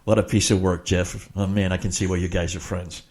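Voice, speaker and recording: A man's voice: low-pitched, flat delivery, fairly quick, darkish tone. A man hosting a sports radio show in a casual, chatty, conversational style.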